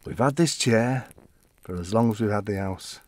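Reflective and halting, a gentle old widower recounts his story in an audio-play monologue, wistful yet fussily defensive, as performed by an actor. The pitch is fairly low, close to an everyday voice.

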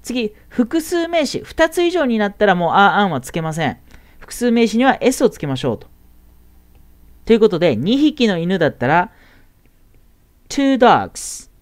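A woman gives middle schoolers a relaxed English grammar lesson, chatting warmly and stretching out the English example words slowly. Her voice sits at a medium pitch, very lively yet a little mellow.

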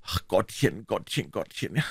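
A man voicing a scared, superstitious ragged boy in an audiobook, speaking in a higher, frightened, often whispered voice. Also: sing-song, normal speed, fairly bright tone, breathy edge, no room sound, studio quality, heavily acted. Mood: fearful. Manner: whispered, frightened, raised pitch.

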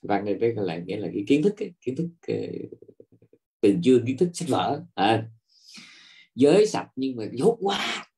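A man's voice: medium pitch, big pitch swings, moderate pace, mellow. A man, a Buddhist monk, giving a dharma talk to a class, lecturing with rhetorical questions and repeating filler words as he searches for the next thought.

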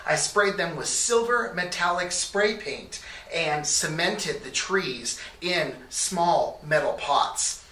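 A middle-aged man hosting a home entertaining show, proudly walking through his dinner table setup in a measured way. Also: a little high, lively intonation, sharp tone. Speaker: host. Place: candlelit home dining room. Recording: echoey room.

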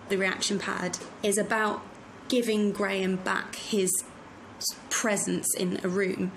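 A woman speaks earnestly to camera at a middle pitch, picking up speed as she stresses her points. Faint ambient noise sits behind her. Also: little pitch movement, slow, low-quality recording. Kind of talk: interview to camera.

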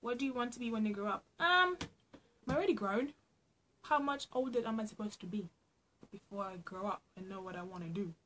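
A young woman from Trinidad and Tobago films a get-to-know-me vlog in a small room at home, answering questions playfully and laughing a lot in her Trinidadian accent. Her mid-range voice is a bit bright and fairly quick, with a little hiss or hum in the background.

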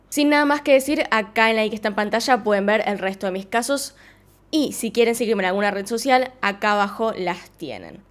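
Young Argentine woman narrating a case. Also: mid-range voice. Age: young adult. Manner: calm, measured storytelling. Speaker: true-crime vlogger host. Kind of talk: scripted narration. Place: living room at home. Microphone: studio mic on desk.

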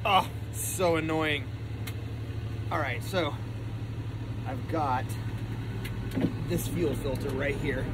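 Man vlogging over loud boat noise. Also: on the high side, takes it slowly, pauses often. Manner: hands-on, explains step by step with fillers. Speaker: sailing vlogger. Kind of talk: casual vlog explanation. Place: on a boat, outdoors on deck and below in the engine room. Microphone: phone held at arm's length. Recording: loud engine and wind noise.

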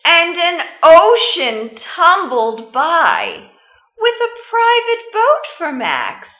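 A high-voiced woman reads very slowly to children as a librarian storytime host, using a deliberate, sing-song, expressive teaching delivery. The read-aloud is picked up by a webcam or laptop mic at arm's length, sounding roomy and slightly dull.

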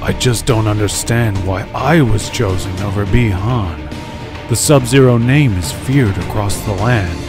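A man's voice: on the low side, a little slow, over music, close to an everyday voice. Man as an earnest, self-doubting young ninja. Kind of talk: acted dialogue in a video game story.

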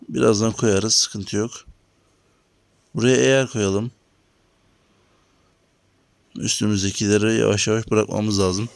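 A man's voice: fairly low pitch, vocal fry, no echo. A man giving casual commentary on his own game, talking to viewers and grumbling about lag. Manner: talks to viewers while playing, grumbling at lag. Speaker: gaming channel host. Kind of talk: casual let's-play commentary.

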